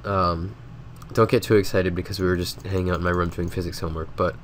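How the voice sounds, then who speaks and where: Low-voiced stuffy-nosed man chatting. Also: fast, a little hiss or hum. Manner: rambling, relaxed, lots of filler words. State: sick with a stuffy nose. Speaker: gaming video host. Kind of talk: casual game commentary voice-over.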